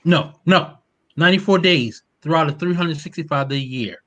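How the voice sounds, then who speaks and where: Man in his 50s explaining stuff on a panel, emphatic, bit higher voice. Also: moderate pace, dull audio. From Maryland. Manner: emphatic, keeps checking in with "okay?". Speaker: panel guest, nonprofit founder. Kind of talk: panel discussion.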